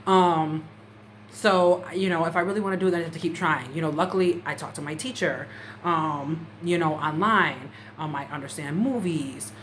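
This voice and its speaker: Casual woman vlogger, fairly low voice, rambling with lots of fillers, slight background hiss. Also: normal speed, fairly bright tone. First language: English. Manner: chatty, many "you know" fillers. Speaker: language-learning vlogger. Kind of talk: casual talk to camera. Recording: faint background noise.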